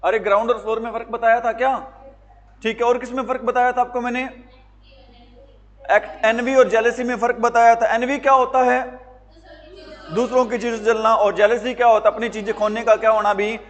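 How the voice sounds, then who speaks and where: High-voiced male teacher quizzing a class. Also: flat delivery, brisk, in a large hall. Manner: quizzing students with repeated questions. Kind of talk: classroom grammar lesson.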